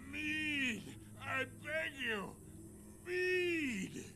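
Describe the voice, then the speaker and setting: Slurring old town drunk, slow and swooping. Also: male voice, very high voice, animated, sharp tone, slight background noise, full character voice. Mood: pleading. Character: drunken, hungover old general and town drunk, begging for mead. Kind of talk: video game character acting.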